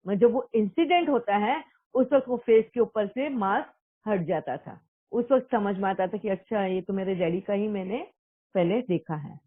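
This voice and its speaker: A woman's voice: mid-range voice, moderate pace. A woman speaking earnestly as a spiritual speaker, recounting a personal testimony and mixing English words into Hindi. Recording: tinny phone-like audio.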